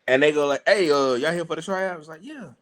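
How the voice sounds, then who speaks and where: A pro wrestler tells stories casually and animatedly in colloquial speech, acting out the exchanges he quotes. His voice is fairly high, fast and a bit bright.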